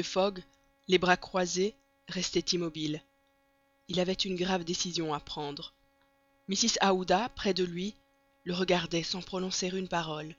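An audiobook narrator reading a classic novel in an even, steady storytelling manner. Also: mid-range voice. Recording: dull lo-fi recording.

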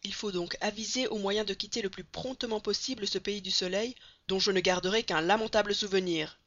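A woman voicing a resourceful young male French manservant in a storybook reading, wry and lively, on a slightly dull, dry recording. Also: medium pitch, brisk, dry recording, lightly acted.

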